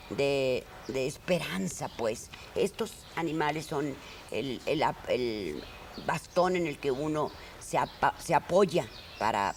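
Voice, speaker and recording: Elderly woman from Mexico, expressive, halting, restarts, reflective interview. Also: low voice, slight background noise. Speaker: writer interviewed in archive footage.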